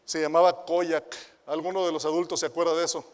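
High-voiced Mexican man preaching in a reverberant hall. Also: quick pace, clear, resonant tone. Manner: animated preaching with rhetorical questions to the youth; swings between hushed asides and loud emphatic declarations. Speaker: pastor and youth director. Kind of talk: sermon.

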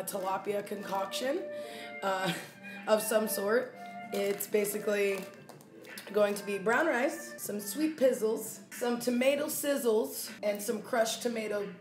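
Her voice worn and failing, a twenty-something woman hosts a relaxed home cooking vlog from her small kitchen in a mid-range voice. She's slangy and playful, tagging words with silly rhyming endings. Captured by phone camera up close and then a few steps away, she comes across reverberant and distant.

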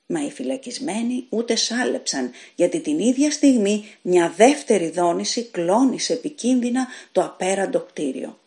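A woman narrating a short story as an audiobook reader, in a measured, dramatic storytelling manner. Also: medium pitch, expressive. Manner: measured, dramatic storytelling that voices characters' shouts.

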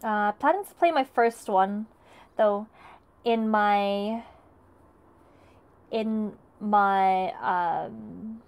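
A woman's voice: mid-range voice, extremely slow, vocal fry, long pauses, clear, resonant tone. A young woman casually chatting with her live chat while she crafts, greeting viewers and often restarting her sentences. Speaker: arts and crafts streamer.

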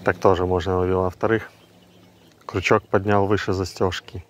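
A man giving casual, low-key fishing commentary in short, terse remarks, recorded outdoors with wind on the mic. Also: little pitch movement, normal speed. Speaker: angler filming himself. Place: outdoors on a windy lake shore. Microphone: action camera worn on the body. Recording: outdoor wind and ambient noise.

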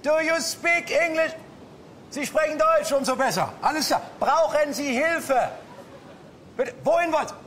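An excitable, clueless cruise passenger, played by a male comedian, full of eager exclamations. His voice is strikingly high, with faint stage noise around it. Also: a little slow, full character voice. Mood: excited.

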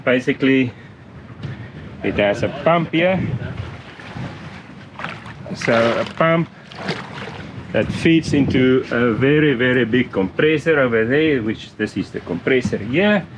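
A man's voice: mid-range voice, expressive, slow pace, pauses often. A man in his fifties explaining a boat cleaning job in a casual vlog, step by step, aboard a catamaran and filmed on a close-held action camera. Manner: plain, step-by-step explaining with restarts. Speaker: sailing vlogger. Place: aboard a catamaran, outdoors on deck. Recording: noisy outdoor boat recording.

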